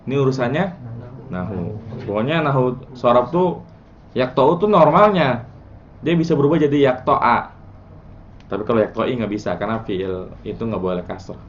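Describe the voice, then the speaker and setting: A man teaching a casual class, quizzing his students and chanting word patterns in a relaxed, chatty way. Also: mid-range voice, moderate pace, muffled recording, slight background noise. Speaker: Arabic morphology teacher.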